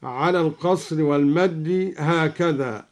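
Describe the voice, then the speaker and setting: A man explaining Quranic reading variants in a measured, scholarly way and chanting each verse slowly and melodically as an example. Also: on the high side. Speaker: Quran recitation teacher introducing radio episodes. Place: radio studio.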